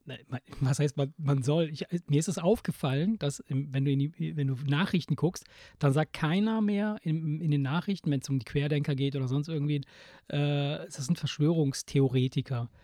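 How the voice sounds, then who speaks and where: A middle-aged man bantering with a friend, teasing and laughing easily. His voice sits a bit high and he hesitates with many fillers. The recording is close and dry. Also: moderate pace, dark tone, no echo. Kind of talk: casual chat.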